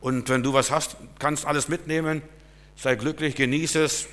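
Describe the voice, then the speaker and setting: A male preacher giving a sermon, emphatic and swinging between loud stresses and quiet asides. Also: a little high, steady tone, normal speed, in a large hall.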